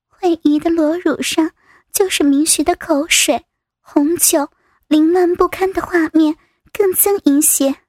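A woman narrating a scripted audio story in a slow, even reading. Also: very high-pitched, no echo. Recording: dry close recording.

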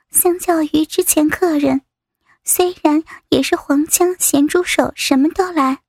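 A woman narrating a scripted audio story in a slow, even reading. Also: very high-pitched, creaky, no room sound. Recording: dry close recording.

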